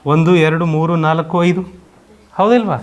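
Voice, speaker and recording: A man's voice: a little high, steady tone, a little slow. Male teacher quizzing his class. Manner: patient, repeats points and quizzes students. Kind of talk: classroom grammar lesson.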